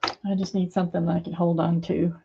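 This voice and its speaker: A woman's voice: lowish voice, little pitch movement, fairly quick, vocal fry, mellow, slightly rough, dull audio. A middle-aged woman hosting a craft video from her home studio, chatting casually and rambling with many fillers as she sews. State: hands a little weak, fumbling.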